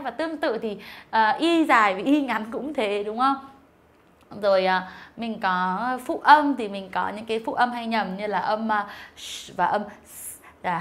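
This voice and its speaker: Young woman teacher with a mid-range voice, patient, models sounds slowly, asks pupils to check in. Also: medium pitch, fairly bright tone. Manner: explains patiently, with many fillers and tag questions to pupils. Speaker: English teacher. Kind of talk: online lesson.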